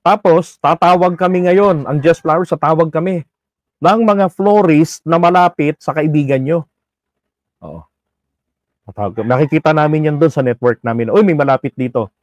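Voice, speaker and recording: A man's voice: on the high side, moderate pace, no echo. A man with a Filipino accent, chatting and joking as an online commentator, switching between Tagalog and English. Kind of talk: casual commentary monologue.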